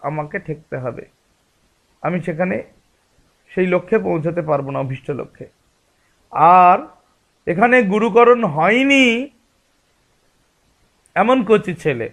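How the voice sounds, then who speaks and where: A man's voice: sits high, creaky, fairly bright tone. A man giving a spiritual discourse as a religious teacher, explaining patiently and asking rhetorical questions.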